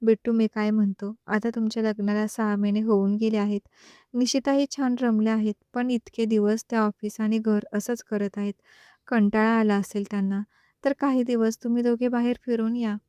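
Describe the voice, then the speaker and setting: A woman's voice: fairly high pitch, little pitch movement, moderate pace, dark tone, clean tone, no room sound, close to an everyday voice. Woman reading as a bossy old grandfather. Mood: commanding. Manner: commanding.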